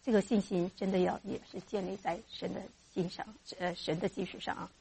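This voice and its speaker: A woman giving a church teaching to mothers about raising children in faith, lively and acting out parent and child voices as she goes. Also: fairly low pitch, brisk, vocal fry, breathy edge.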